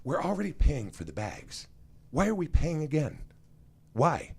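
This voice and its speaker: A man co-hosting a talk show in a radio studio, launching into an exasperated comedic rant. His pitch swoops high and low as he mocks everyday annoyances, breaking into laughter along the way. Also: unhurried, creaky, slightly rough. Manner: animated, exasperated, mocking, laughing. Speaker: co-host.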